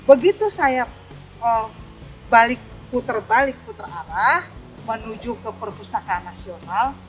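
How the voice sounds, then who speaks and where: A woman's voice: fairly high pitch, unhurried, soft background music. An older woman, an online taxi driver, telling a story in a casual interview and acting out both sides of each exchange. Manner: animated, acts out both sides of dialogues.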